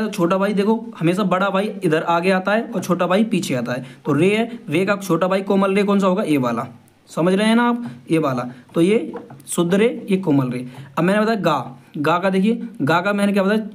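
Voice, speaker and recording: Man, high voice, harmonium teacher, casual lesson, patient, repeats points, asks questions.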